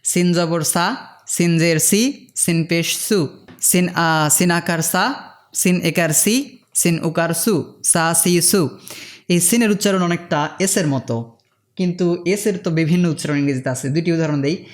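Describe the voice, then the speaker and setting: A Quran reading teacher slowly drilling Arabic letter sounds for beginners, chanting each syllable and adding quick explanations. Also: mid-range voice. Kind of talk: slow phonics drill for beginners.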